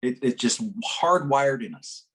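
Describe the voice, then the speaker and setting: A man giving a workshop talk to a live audience, animated and expressive as he tells his story. His voice sits in a middle pitch, and he breaks into laughter and acted-out voices along the way. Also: unhurried. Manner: animated, acts out quoted voices with big pitch jumps; laughs as he talks. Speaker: workshop presenter. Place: conference workshop session.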